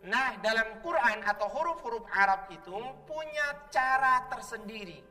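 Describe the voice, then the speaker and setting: A man leads a children's Quran lesson in a teacherly, call-and-response way, stretching out each letter for the kids to copy. His voice is bright and carries a long studio reverb. Soft music plays faintly behind him. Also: extremely high pitch, expressive, moderate pace, distant mic. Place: television studio.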